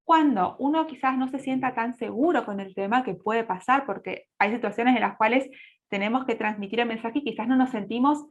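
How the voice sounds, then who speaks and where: A woman's voice: on the high side, fairly quick. A woman teaching public speaking in a webinar, setting out her points in order over a video call. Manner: orderly, lists points in sequence. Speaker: speech coach. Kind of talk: webinar lecture. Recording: dull lo-fi audio.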